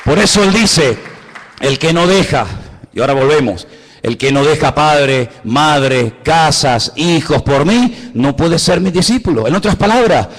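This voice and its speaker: A man's voice: on the high side, a little slow, big-room sound. A man from preaching a sermon, asking his listeners questions as he goes. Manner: animated, asks the congregation questions.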